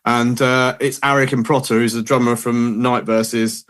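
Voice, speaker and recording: A man's voice: mid-range voice, level tone, moderate pace, a bit bright. Rambling man telling anecdotes. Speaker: podcast host. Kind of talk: casual chat.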